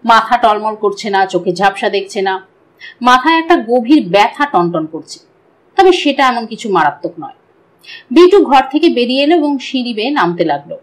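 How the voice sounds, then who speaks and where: A woman narrating an audiobook story with a steady, expressive reading. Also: a little high, normal speed, rough recording.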